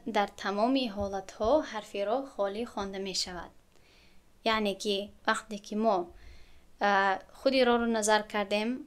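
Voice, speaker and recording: A tajwid teacher, a Tajik-accented woman with a medium-pitched voice, walks through Quran recitation rules one step at a time. Along the way she asks rhetorical questions and slowly chants each example word.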